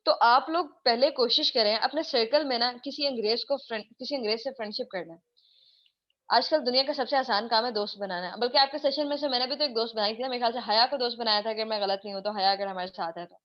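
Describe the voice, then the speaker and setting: A woman's voice: on the high side, quick pace, highs cut off. A woman from Pakistan with a Pakistani accent, teaching English in an informal online class and often putting questions to her students. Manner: chatty, asks the class questions.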